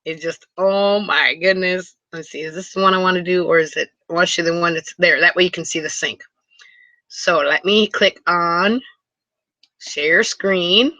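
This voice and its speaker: A woman from Wisconsin talks to her viewers from inside her motor home in a bright, forward voice. She rambles, restarts her sentences and gets excited easily. The sound is dry and dull, like a lo-fi computer mic on a live stream. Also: on the low side, moderate pace, no room sound. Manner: chatty and rambling, with many restarts. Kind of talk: casual live chat with viewers. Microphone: computer mic for a video hangout.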